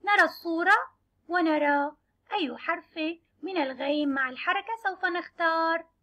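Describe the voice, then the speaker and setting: A woman teaching young children, sounding out letters and words slowly and clearly. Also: very high voice, bright, forceful tone. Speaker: kindergarten teacher. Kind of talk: children's lesson.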